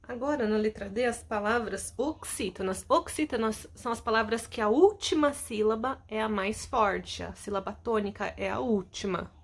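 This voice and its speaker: A woman's voice: fairly high pitch, normal speed, hardly any pauses. A woman teacher recording a lesson at home, patiently going over homework answers and often checking with her students. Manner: explains patiently, keeps asking "tá?".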